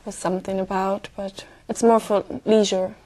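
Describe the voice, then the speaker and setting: Mellow-voiced young woman from Brazil. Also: mid-range voice, level tone. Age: young adult. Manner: hesitant, with many fillers and pauses. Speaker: exam candidate.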